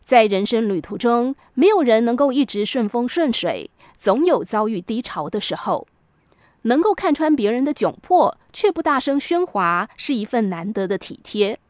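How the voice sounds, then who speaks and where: Woman narrator, fairly high voice, dry close sound, calm moral essays read from a script. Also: no echo. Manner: measured, moralizing storyteller. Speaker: podcast host.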